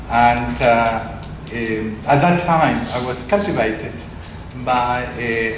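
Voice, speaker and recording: A middle-aged man speaks at a conference, trading in wry, self-mocking stories. His voice carries through a roomy, echoing hall with a steady wash of background noise behind it. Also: mid-range voice. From Argentina. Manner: anecdotal, self-deprecating humor. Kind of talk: conference talk.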